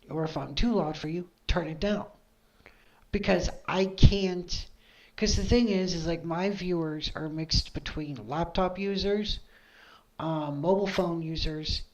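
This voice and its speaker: A woman chatting casually as a stream host on a headset mic, insistent and repeating her points. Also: deep voice. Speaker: video creator and streamer, host. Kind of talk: casual livestream chat.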